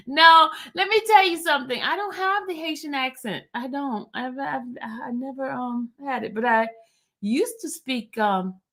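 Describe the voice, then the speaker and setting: A woman from New York hosts a casual YouTube livestream, reading viewer comments and talking straight to chat in an animated, chatty way that often drifts off topic. Her voice sits somewhat high, and she speaks unhurriedly.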